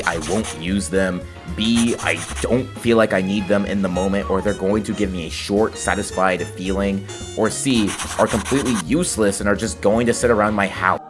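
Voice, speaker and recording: A man from California, narrating a travel vlog in a rambling, excitable way and laughing often. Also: lowish voice. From California, USA. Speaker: travel vlogger.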